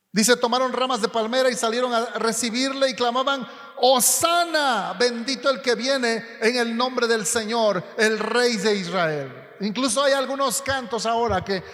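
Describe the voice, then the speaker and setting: A man preaching a sermon as pastor, teaching earnestly with frequent restarts and slowly stretched words. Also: extremely high pitch, a bit bright. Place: church hall. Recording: long reverb of a hall.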